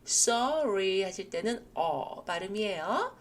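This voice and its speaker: A woman with a Korean accent gives a recorded English lesson aimed at older learners. She speaks very slowly and patiently, drawing out each explanation and leading repeat-after-me drills. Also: medium pitch, big pitch swings. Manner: patient, drawn-out explanations, leads repetition drills. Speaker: English teacher. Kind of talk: slow recorded language lesson for seniors.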